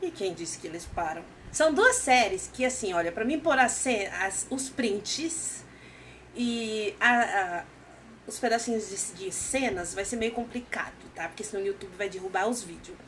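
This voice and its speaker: A woman with a Brazilian Portuguese accent, recapping a series in a casual, animated storytelling way. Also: medium pitch, moderate pace, slight background noise. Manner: animated storytelling, acting out characters' lines.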